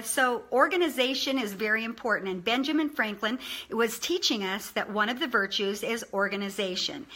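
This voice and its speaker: Bright, emphatic woman giving advice. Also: a little high. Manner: animated and emphatic, laughs at herself; talks fast, says she makes slips. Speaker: vlogger giving self-improvement advice. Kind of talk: casual advice talk.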